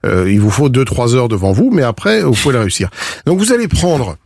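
A man from Belgium, a food columnist on a radio show, explaining a dish in a relaxed, explanatory way. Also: medium pitch, a little fast, vocal fry, no echo, clean studio sound. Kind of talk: radio chat.

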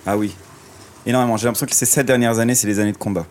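Out on a city street with a surgical mask over his face, this man, a musician, answers radio interview questions thoughtfully, often hesitating and starting over. His mid-range voice keeps a fairly even intonation at a racing speed, with slight background noise.

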